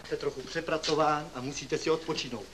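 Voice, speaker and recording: A man's voice: a little high, fairly even intonation, natural voice, low-quality recording. A man playing a strict old-fashioned professor. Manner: stern, scolding, then gentle. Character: kindly but strict older male professor. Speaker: schoolteacher. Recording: old 1939 film soundtrack with hiss.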